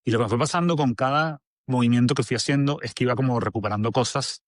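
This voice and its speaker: Speaking quickly in a mid-range voice, a man in his forties from Venezuela chats as a guest in a relaxed interview. He's an agency director who rambles and keeps restarting, thick with fillers. Studio-quality, dry audio.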